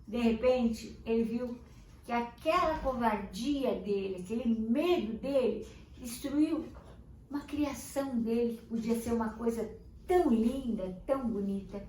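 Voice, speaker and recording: An older woman tells a children's story, animated and expressive. Her voice sits a little high. The recording is roomy and distant, with a faint hiss behind her. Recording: echoey room, distant mic, faint hiss.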